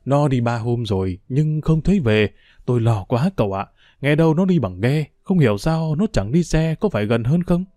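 A frail old mother, worn down and fretting, her voice low and weary in a spoken storybook, as a male narrator puts her on. The tone is warm and the sound close and dry. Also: animated, normal speed, no echo, lightly acted. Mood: worried. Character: frail, worried old mother with heart disease.

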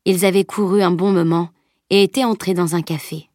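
A woman narrating a novel as an audiobook, in an even, steady reading. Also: fairly low pitch, a little fast, no room sound, studio quality. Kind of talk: scripted narration.

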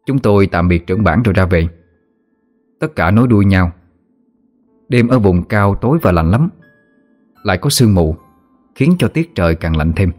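Low-voiced storyteller man. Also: expressive, moderate pace, long pauses, darkish tone, soft background music. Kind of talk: ghost story narration.

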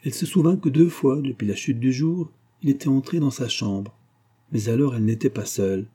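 Dark, husky-voiced male storyteller. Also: medium pitch, brisk. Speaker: audiobook narrator. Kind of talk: scripted narration.

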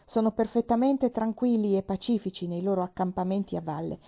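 A woman reading an audiobook, voicing a steady, protective pioneer father who sometimes raises his voice. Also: mid-range voice, brisk, gravelly, highs cut off, close to an everyday voice.

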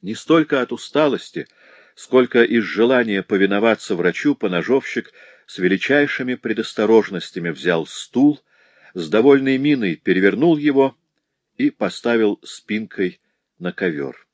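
A male audiobook narrator with a very low, deep voice, reading in a measured, expressive way. The recording is close and dry. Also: no room sound. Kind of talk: scripted narration.

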